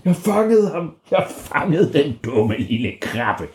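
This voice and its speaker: A man's voice: on the high side, very animated, darkish tone, pitched above the performer's own voice. Man doing a raised, laughing giant snowman for a bedtime tale; gleeful. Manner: laughing, bursting with glee. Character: huge giggly male abominable snowman, gleeful.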